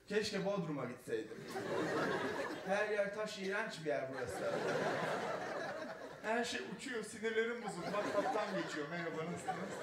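A man's voice: high-pitched, very echoey, recorded from a distance, very noisy. A man voicing an effeminate, flamboyant man who complains fussily and sighs "ay" a lot, in a live stage set. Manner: camp, whiny complaining with frequent "ay". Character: effeminate flamboyant man, fussy and easily irritated.

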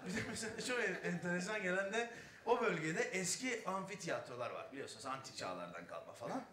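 A man's voice: sits high, sing-song, fast, heavy background noise. A man doing stand-up, telling wry, chatty stories to an audience. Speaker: stand-up comedian. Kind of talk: stand-up storytelling. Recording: echoey stage recording.

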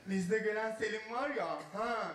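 A man's voice: sits high, steady tone, a little slow, fairly bright tone, heavy reverb, distant mic, slight background noise. A man voicing an effeminate, flamboyant man who complains fussily and sighs "ay" a lot, in a live stage set. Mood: whiny. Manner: camp, whiny complaining with frequent "ay". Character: effeminate flamboyant man, fussy and easily irritated.

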